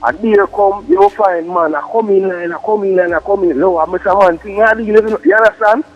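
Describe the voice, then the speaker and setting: A man with a high voice and a Jamaican accent talks on a three-way phone call. He is emphatic, repeating himself in slangy patois, and the line is dull and muffled. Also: normal speed.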